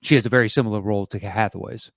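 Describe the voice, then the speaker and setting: A man's voice: fairly low pitch, racing, gravelly, no room sound. A man co-hosting a podcast, chatting casually with loose, offhand swearing. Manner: relaxed, swears casually, reads listener questions aloud. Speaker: podcast co-host. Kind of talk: casual chat.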